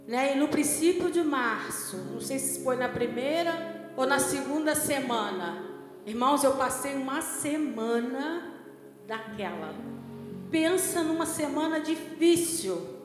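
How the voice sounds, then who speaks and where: A Brazilian woman pastor preaches in a chatty way, often checking in with her congregation, and her voice sits high. The sound is very echoey, with a long church-hall reverb, and music plays clearly underneath. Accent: Brazilian Portuguese. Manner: conversational, keeps checking in with the congregation. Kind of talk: sermon.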